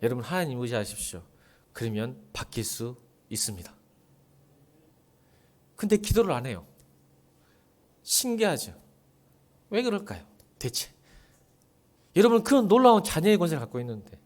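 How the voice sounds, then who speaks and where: A male pastor delivers a sermon with a fairly high, very animated voice that rises and falls widely. He keeps putting rhetorical questions to the congregation, dropping to soft low lines and then building to loud ones. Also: moderate pace, pauses often.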